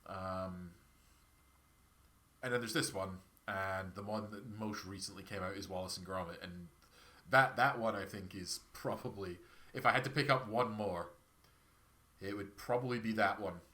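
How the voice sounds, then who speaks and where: A Scottish man with a Perthshire accent rambles and chats casually while streaming a game, his throat scratchy from a cold. His voice is fairly low, at normal speed, bright and forceful, and he's self-deprecating as he talks.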